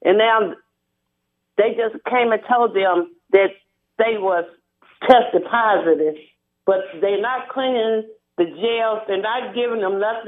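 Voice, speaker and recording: A woman calling in to a radio talk show over the phone, speaking hesitantly with halting restarts. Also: medium pitch. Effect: phone line. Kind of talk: call-in radio. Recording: tinny phone line.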